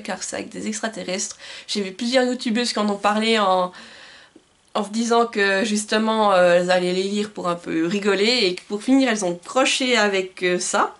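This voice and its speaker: Chatty, fairly high-voiced woman book vlogger. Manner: enthusiastic, gushing about books. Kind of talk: casual book haul chat. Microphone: camcorder.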